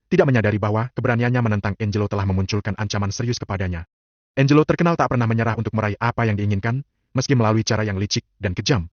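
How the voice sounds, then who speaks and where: A man narrating a novel in a brisk, even storytelling delivery. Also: lowish voice, dry recording. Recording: dull lo-fi dry recording.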